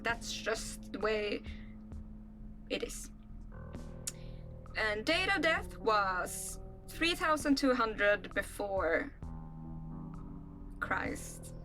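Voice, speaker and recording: A woman's voice: mid-range voice, sing-song, very slow, pauses often, pushed and bright, faint music behind. A young woman with a Swedish accent, hosting a casual reaction vlog, reading a list aloud and musing in rambling asides. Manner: rambling, musing asides between read-out passages. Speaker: channel host.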